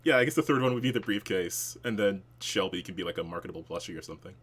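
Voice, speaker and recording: A man's voice: low-pitched, lively intonation, very fast. A man chatting casually and informally as a player on a tabletop show. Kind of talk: casual chat.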